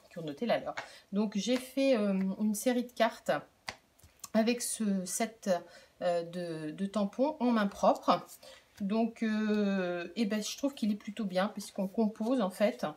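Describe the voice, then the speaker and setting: A woman's voice: medium pitch, unhurried, a little mellow. A middle-aged woman casually showing her craft purchases in a vlog, talking in a chatty, hesitant way with many fillers and restarts. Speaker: crafting vlogger and product demonstrator. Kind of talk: casual show-and-tell vlog. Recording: faint background noise and clicks.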